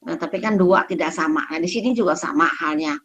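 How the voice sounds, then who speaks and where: A woman teaches pronunciation in a patient, explanatory way. She slows down to sound out each syllable, then repeats it so learners can follow. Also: low-pitched. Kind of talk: pronunciation lesson.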